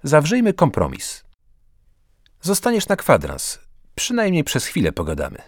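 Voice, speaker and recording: A man voicing an earnest, good-humoured teenage student with a gentle way of talking. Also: fairly high pitch, huge pitch swings, normal speed, slightly rough, dry recording, studio quality, pitched above the performer's own voice, heavily acted. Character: earnest, cheerful teenage student, theatre-minded.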